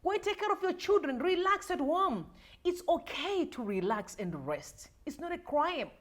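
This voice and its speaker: A woman's voice: extremely high pitch, big pitch swings, moderate pace. A woman in her forties from Zimbabwe, hosting a livestream with emotional, repetitive political commentary addressed straight to her viewers. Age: 40s. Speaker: livestream host.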